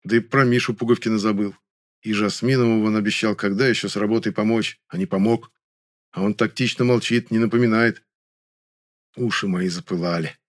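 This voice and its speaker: A man narrating an audiobook in a measured, ironic storytelling manner. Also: on the low side, fairly even intonation.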